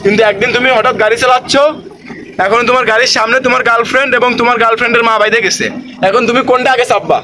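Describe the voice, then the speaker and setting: A man with a very high voice plays a bossy driving instructor, talking fast and repeating his orders. He scolds steadily from the passenger seat, and road noise is clear behind him. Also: steady tone. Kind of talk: comic driving lesson skit. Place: in a moving car.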